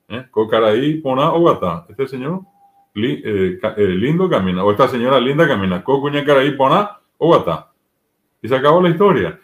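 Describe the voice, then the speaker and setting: Paraguayan man, mid-pitched, patient teacher explaining grammar with examples, interview setting. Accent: Paraguayan Spanish. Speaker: Guarani language teacher.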